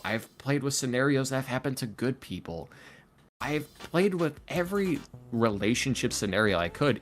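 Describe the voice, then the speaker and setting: A man with a mid-range, slightly bright voice talks as a podcast guest, an ASMR roleplay creator offering casual, opinionated interview talk. He's emphatic and rambles, leaning on slangy phrasing and acted-out quotes.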